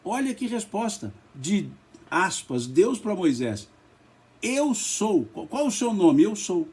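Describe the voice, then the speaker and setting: Brazilian man leading a spiritist study; slow, emphatic delivery, husky, with a lively pitch. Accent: Brazilian Portuguese. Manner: slow and emphatic, spells out letters, repeats words. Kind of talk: religious study talk.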